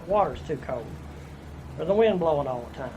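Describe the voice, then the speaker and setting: Brisk and animated, a man in his fifties with an East Tennessee accent and a slightly high voice shares his life story as a veteran interviewee in an oral history project. He talks plainly and folksily, restarting now and then, against noisy room sound.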